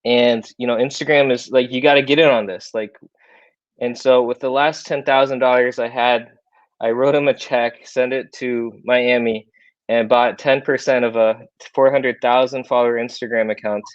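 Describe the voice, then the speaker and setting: A man's voice: mid-range voice, steady tone, normal speed, no echo, dull audio. Chatty man presenting a webinar. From born in South Korea, raised in Iowa, USA. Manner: chatty, filler-heavy, upbeat. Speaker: guest presenter.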